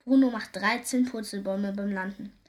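At a moderate pace and in a mid-range voice, a woman gives a spirited, expressive reading of a children's story.

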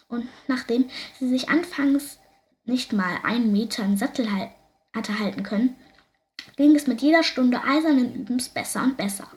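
A woman with a fairly high voice reads a children's story aloud, lively and expressive. She narrates at an even storyteller's pace. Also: moderate pace.

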